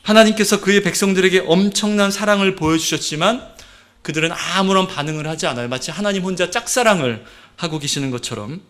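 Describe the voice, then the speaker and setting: A man's voice: sits high, quick pace, a bit bright. A middle-aged man preaching a sermon as a pastor, emphatic and acting out stern warnings.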